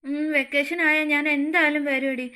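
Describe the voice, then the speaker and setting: A woman's voice: high-pitched, level tone, moderate pace, pushed and bright. A woman voicing an affectionate teenage girl friend in a cartoon story.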